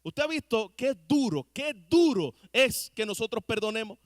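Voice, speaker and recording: Speaking with an extremely high, sing-song pitch at normal speed, a male pastor preaches in church. He turns straight to the congregation with earnest rhetorical questions. There's no echo, and the audio has studio quality.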